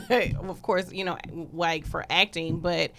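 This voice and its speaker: A woman's voice: fairly low pitch, steady tone, slow, a bit bright, a little hiss or hum. A woman attorney hosting a podcast, chatting casually and steering the conversation with questions. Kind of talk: casual chat.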